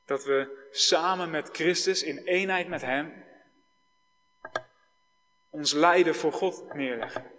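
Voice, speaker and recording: A man preaching a sermon slowly and solemnly, with long pauses. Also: on the high side, fairly bright tone. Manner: slow, solemn preaching with long pauses, switching between formal and informal address. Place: church hall. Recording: reverberant church hall.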